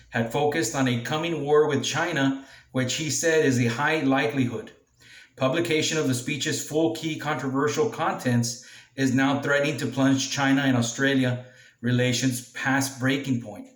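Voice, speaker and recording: A man reading a news article aloud as a commentator, halting now and then as he stumbles over words. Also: mid-range voice. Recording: echoey room, distant from mic.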